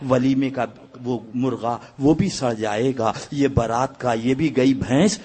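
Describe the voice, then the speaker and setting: A man's voice: mid-range voice, warm tone. A middle-aged man from India giving a fiery religious speech, telling stories, acting out dialogue in voices and poking fun. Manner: acts out dialogue in voices, mocking humor. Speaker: religious preacher.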